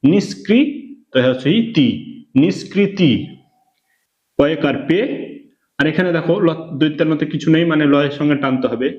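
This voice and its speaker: A man's voice: on the high side, steady tone, darkish tone. Man spelling out words, echoey lo-fi. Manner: spells words syllable by syllable, slow and repetitive. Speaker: reading teacher. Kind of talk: spelling-out reading lesson. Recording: echoey room, dull lo-fi sound.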